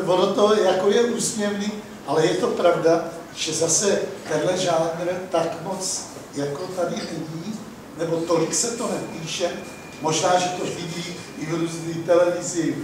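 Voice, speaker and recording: A man hosting a book launch, chatting in a rambling way with lots of fillers and laughs. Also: high voice. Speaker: event host. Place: book launch event hall. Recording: echoey hall, distant mic, noisy.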